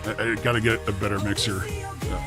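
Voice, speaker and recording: A man's voice: lowish voice, level tone, fairly quick, music in the background. A man live streaming through an overmodulated, clipping mic, confronting a rival streamer. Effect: overmodulated, clipping distorted mic. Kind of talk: livestream rant.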